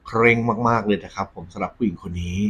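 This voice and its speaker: A man hosting a ghost story segment, talking conversationally and politely to his audience with a husky voice. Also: sits low, fairly even intonation, quick pace, fairly bright tone, slight background noise. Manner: polite, frequent Thai male polite particles.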